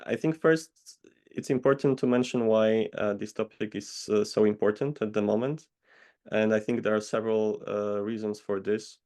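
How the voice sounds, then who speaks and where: A man from Poland, answering interview questions in a measured, hesitant way over a video call. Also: fairly low pitch, fairly even intonation, a little mellow. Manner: measured, hesitant with many pauses. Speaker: guest consultant.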